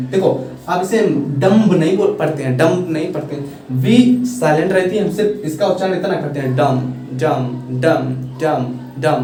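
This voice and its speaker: A young Indian man with an Indian accent teaching English vocabulary in a casual lesson, repeating and spelling out words slowly. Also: on the high side, a little mellow. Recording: echoey room, far from mic, faint hiss.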